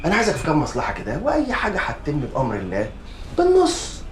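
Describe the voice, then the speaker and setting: An actor playing a scheming, smooth-talking male lawyer with an Egyptian accent, who talks in a rapid, coaxing way. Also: fairly high pitch, wildly swooping pitch, slight background noise. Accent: Egyptian Arabic. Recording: roomy film audio with faint music.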